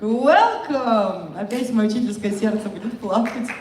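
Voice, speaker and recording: A woman's voice: on the high side, lively intonation, normal speed, recorded from a distance, background noise. Playful Russian-accented woman host, echoey hall. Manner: playful, teasing banter with young contestants. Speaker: contest host and English teacher. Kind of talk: live event hosting, mixing Russian and English.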